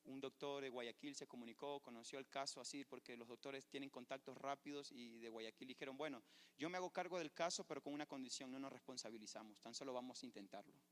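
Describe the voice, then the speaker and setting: A fast-talking man with a mid-range voice preaches with fervor, sharing his testimony as a story. The sermon comes from a church sanctuary, and the hall sounds echoey.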